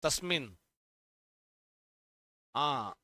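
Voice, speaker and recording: A man teaching a Sanskrit lesson online, chanting word forms in a steady rhythm and urging students to repeat them aloud. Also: medium pitch, extremely slow, dry recording. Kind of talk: online exam-prep lesson.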